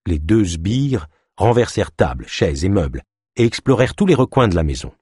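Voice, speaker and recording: Male audiobook narrator, low voice, husky, lively pitch, dry close mic. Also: no room sound. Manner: measured, expressive storytelling. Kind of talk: audiobook reading.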